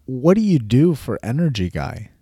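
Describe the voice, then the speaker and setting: A man's voice: medium pitch, big pitch swings, moderate pace, dark tone, husky, no room sound. A man co-hosting a podcast in casual football chat, laid-back, with lots of agreeing interjections and dry jokes. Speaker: podcast co-host.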